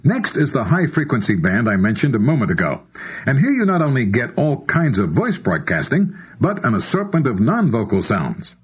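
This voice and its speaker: On a dull, lo-fi old cassette, an American narrator reads scripted step-by-step instructions straight to the listener. His mid-range voice swoops wildly in pitch, moves at a normal speed, and sounds slightly rough.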